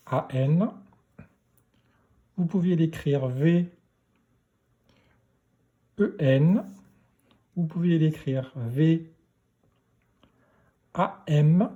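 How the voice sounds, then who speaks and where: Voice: medium pitch, dark tone, lo-fi sound. A primary school teacher giving a remote dictation lesson, repeating each syllable and spelling it out letter by letter.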